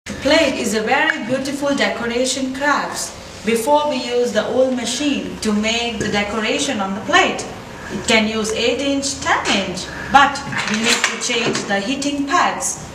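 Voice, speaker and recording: This slightly high-voiced woman, in her thirties, delivers a careful, teaching-style product demo from a script in a showroom. The recording comes from a far-off camera microphone, leaving it echoey with plenty of room noise.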